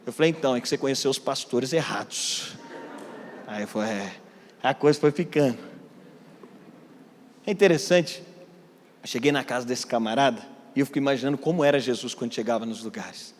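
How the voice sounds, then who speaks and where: A man with a Brazilian Portuguese accent preaching as pastor, telling a story in a sermon and swinging from hushed asides to loud, climbing declarations. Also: mid-range voice, fairly quick, pauses often. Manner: animated, swings from hushed to shouting. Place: church hall. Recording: long hall reverb.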